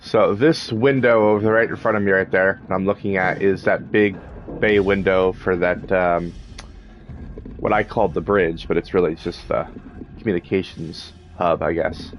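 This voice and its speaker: A man's voice: low voice, steady tone, normal speed, dull audio. A man giving casual video game commentary, thinking aloud in a hesitant way. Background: game music and sound.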